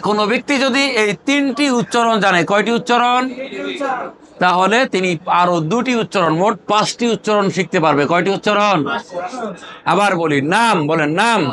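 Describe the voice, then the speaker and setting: A man from Bangladesh teaching Quran recitation to a class, asking questions again and again, prompting the group to answer aloud and drilling terms in chanted repetition. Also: sits high. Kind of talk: call-and-response classroom teaching.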